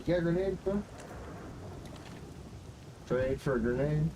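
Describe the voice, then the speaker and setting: This man's voice runs on the high side and a little slow, stuffy-nosed as he rambles casually through live streaming commentary, muttering and cursing to himself. Gunfire and other game noise play in the background.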